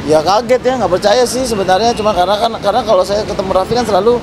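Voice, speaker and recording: A man answers interview questions in a hesitant way, pausing often. Heavy traffic and city noise fill the background. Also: high-pitched, a crowd in the background. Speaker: celebrity friend interviewed. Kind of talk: street interview.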